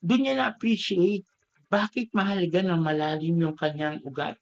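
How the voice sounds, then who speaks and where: A man's voice: sits high, fairly even intonation, moderate pace. Brief: male lay preacher, casual storytelling sermon, dull recording. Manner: conversational, mixes English into Tagalog. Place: elder's office.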